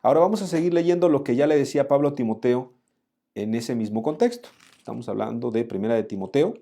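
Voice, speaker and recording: A man leading a Bible study in an earnest, direct way, talking to the listener as "you". His voice is mellow and warm, sitting at an ordinary middle pitch. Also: fast talker, gravelly. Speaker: Bible teacher.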